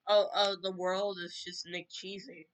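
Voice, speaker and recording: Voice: mid-range voice, level tone, a little slow, clean tone. A video commentator reacting to a clip with baffled, sarcastic remarks.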